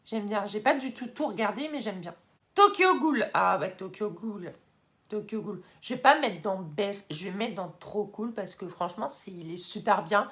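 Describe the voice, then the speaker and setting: A young woman in casual vlog talk, chatty with many fillers and excited bursts, now and then moving off the mic. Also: mid-range voice, normal speed. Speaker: YouTuber ranking anime. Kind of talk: casual vlog tier list.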